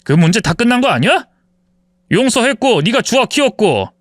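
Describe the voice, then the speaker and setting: A man's voice: very high voice, sing-song, moderate pace, no echo, studio quality, heavily acted. A man voicing an arrogant husband in his forties who mocks his wife and justifies his cheating. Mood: scornful. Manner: contemptuous, mocking, self-justifying. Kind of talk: dramatized story reading.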